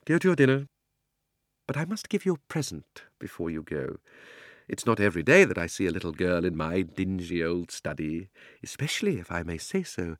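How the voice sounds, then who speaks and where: This is a dramatic audiobook reading of a sinister old magician from a children's storybook, a gentleman who is oily and mockingly polite. His low voice swoops theatrically between drawn-out relish and sudden gushes, recorded close and dry with no room sound.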